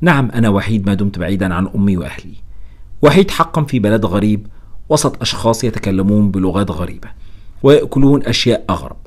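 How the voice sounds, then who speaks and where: A man narrating a novel aloud as an audiobook, in an animated storytelling manner. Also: fairly low pitch.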